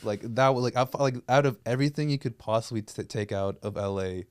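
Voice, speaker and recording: A man's voice: mid-range voice, quick pace, darkish tone, smooth, no room sound, studio quality. A man co-hosting a podcast in casual chat, rambling with lots of fillers and laughs. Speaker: podcast co-host.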